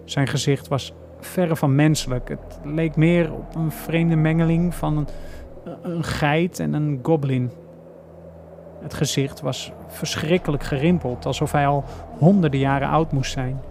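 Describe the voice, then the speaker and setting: A man reading a horror story aloud slowly and deliberately. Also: fairly high pitch, fairly even intonation, creaky, a little mellow, a little hiss or hum. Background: faint music.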